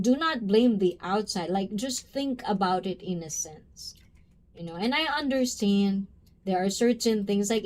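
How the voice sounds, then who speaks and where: Slow-talking chatty woman livestreamer. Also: mid-range voice. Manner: chatty, sprinkles "you know" and "like", greets viewers by name. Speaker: livestream host. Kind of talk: casual live-stream chat reading comments.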